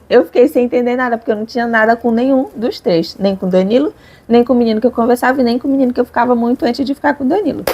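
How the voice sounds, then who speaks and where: Chatty young woman. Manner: chatty, expressive, swings up high at emotional moments. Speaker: vlogger. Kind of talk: casual storytelling to viewers.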